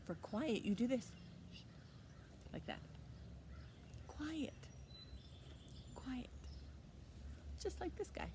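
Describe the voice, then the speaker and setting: A woman with a high-sitting voice hosts a children's library storytime, speaking slowly and leaving long pauses. She teaches the young children in a sing-song manner, asking simple questions and repeating key words. The recording is clear, with steady background noise.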